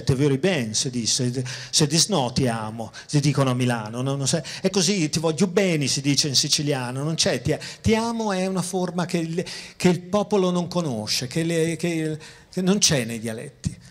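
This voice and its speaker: A man giving a public philosophy lecture, speaking conversationally to the audience and slowing down to stress key words. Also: on the high side. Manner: conversational, addresses audience directly, repeats and restarts phrases. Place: outdoor town square.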